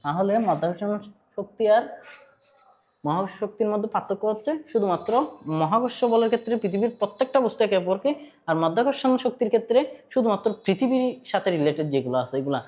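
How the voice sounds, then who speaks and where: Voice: mid-range voice, lively intonation, quick pace, darkish tone. A physics teacher with a Bangladeshi Bengali accent giving a casual online class, asking students questions, repeating key points and slipping in English terms.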